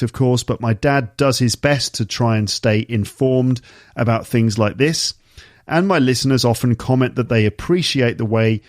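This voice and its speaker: An English teacher and podcast host with a slight cold gives a relaxed, conversational monologue explaining words to learners, chatting as he goes, explaining slowly and repeating key terms. His pitch sits in an ordinary middle range, and the close, dry recording has no room sound.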